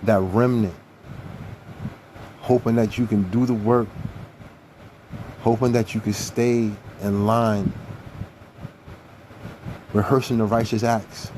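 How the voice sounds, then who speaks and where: Low, mellow-voiced man preaching. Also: level tone, slow pace, long pauses, slight background noise. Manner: earnest, emphatic, repeats key phrases. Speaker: scripture teacher. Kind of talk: sermon-style scripture teaching.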